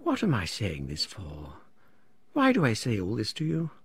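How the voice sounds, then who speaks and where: Man reading as dramatic male artist, fervent lament, husky voice, lively swooping pitch. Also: normal speed, no room sound, clean studio sound, full character voice.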